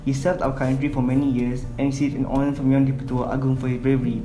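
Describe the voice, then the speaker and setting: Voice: medium pitch, level tone, quick pace, reverberant, over music. A young adult with a Malaysian accent co-hosting an online show, chatting casually and reading out comments, sometimes switching into Malay. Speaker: online show co-host judging entries.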